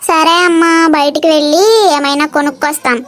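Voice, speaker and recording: A woman's voice: high-pitched, little pitch movement, a little fast, a bit bright. A woman voicing a caring, indulgent mother in a cartoon, soothing and motherly. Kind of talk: cartoon voice acting.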